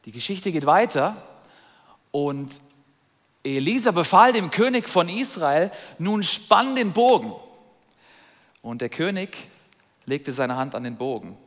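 A man preaching a sermon, retelling a scripture story with lively asides, in a large church hall. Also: on the high side, unhurried, pauses often. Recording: long reverb of a large hall.

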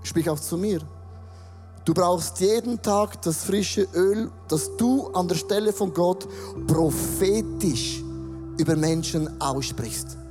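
An earnest pastor preaches from a church stage, voice in the middle of the range. Prayers and dialogue are acted out with conviction, and soft music plays faintly underneath. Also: mid-range voice, slow pace, in a large hall. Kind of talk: sermon.

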